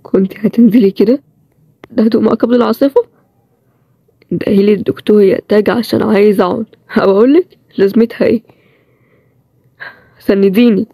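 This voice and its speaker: A woman voicing a tired, stubborn young man with an Egyptian accent, in a low-key, plain-spoken way. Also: steady tone, brisk, creaky, pauses often, mellow, husky, no echo. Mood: teasing. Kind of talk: storybook role-play series.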